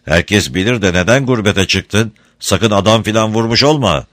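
Bossy old-time gendarme captain, loud and commanding, as a narrator puts him on. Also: male voice, fairly low pitch, normal speed, no echo, clean studio sound, close to an everyday voice. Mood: barking. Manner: barking, commanding. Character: gruff Ottoman gendarme captain, bossy, quick-tempered.

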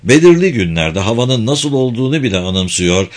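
A man reading an audiobook in a calm, measured narration. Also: medium pitch.

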